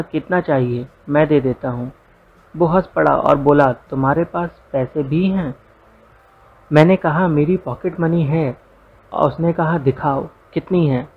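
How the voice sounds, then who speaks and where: A man's voice: a little high, slightly rough, phone-quality sound. A young man narrating a first-person story, with quoted dialogue folded into his telling.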